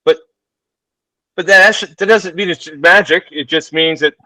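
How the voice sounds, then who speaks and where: Guy on a quiz show rambling through his answer, bright edgy voice, dry mic. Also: fairly high pitch, normal speed, no echo, low-quality recording. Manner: rambling, thinks out loud. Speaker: game show contestant. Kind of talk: casual chat.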